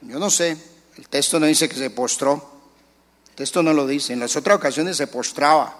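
A man's voice: fairly high pitch, normal speed, fairly bright tone. A male pastor preaching a sermon, acting out the voices he quotes. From Colombia. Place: church. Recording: church hall reverb.

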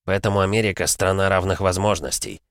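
A man voicing an impatient, irritable American man in an audiobook, gruff and grumbling. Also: low voice, fast talker, a bit bright, no room sound, clean studio sound. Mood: irritated.

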